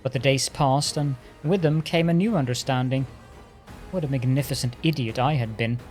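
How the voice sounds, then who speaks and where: A man's voice: mid-range voice, normal speed, a little mellow, faint music behind, natural voice. Man voicing an arrogant, sneering undead lich. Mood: haughty, bitter. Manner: haughty, sneering, commanding. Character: arrogant undead lich, lordly old military master. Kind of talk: dramatic voiced game dialogue.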